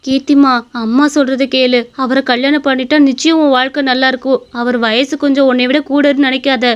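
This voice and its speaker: A woman's voice: sits high, little pitch movement, a little fast, clean tone, close to an everyday voice. A woman voicing an anxious middle-aged mother in a cartoon story, coaxing and pleading. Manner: pleading, persuasive. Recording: dull lo-fi recording.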